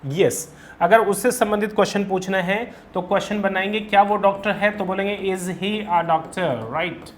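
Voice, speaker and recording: A man teaching spoken in a classroom-style lesson, explaining grammar in Hindi and checking in often with "right?" and "okay?" while saying examples slowly. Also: sits high, fairly even intonation, a little hiss or hum. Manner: drills students with repeated "right?" and "okay?" checks and slow English examples.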